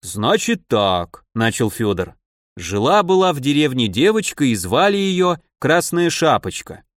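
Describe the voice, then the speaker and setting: A man reading a gruff, wry man dressed as Grandfather Frost who tells the children a tale in a dry, drawling way. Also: fairly high pitch, sing-song, moderate pace, dry recording.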